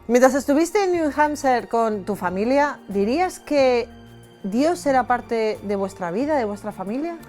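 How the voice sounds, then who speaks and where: A woman's voice: a little high, expressive, a little slow, darkish tone, faint music behind. A woman hosting an interview and asking welcoming questions. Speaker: interview host. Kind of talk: friendly interview.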